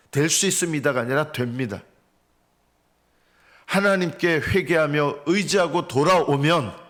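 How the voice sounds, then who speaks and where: A male pastor delivering an early-morning sermon, speaking earnestly, rising to emphatic cries and dropping to hushed tones. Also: on the high side. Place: church sanctuary.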